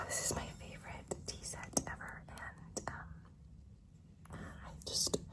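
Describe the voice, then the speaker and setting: An ASMR performer whispers confidingly, as if sharing a secret, while role-playing a flirty, doting female teacher with an overnight guest. She repeats herself in hesitant phrases, and the poor-quality audio places her far from the mic.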